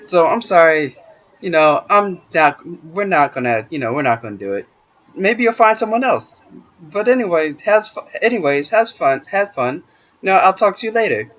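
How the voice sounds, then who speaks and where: A man spins a profane story on a podcast, acting out every line of dialogue. His voice sits a touch high and leaps around with animated swings. The recording is dull and lo-fi. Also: normal speed. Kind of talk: casual storytelling.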